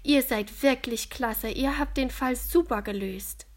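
A woman voicing a grown woman who speaks warmly and with relief. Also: sits high, measured pace. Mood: relieved. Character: relieved grown woman, community hall keeper.

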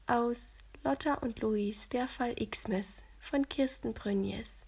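A woman narrating a children's detective story in a clear storytelling manner. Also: on the high side, takes it slowly, a little mellow.

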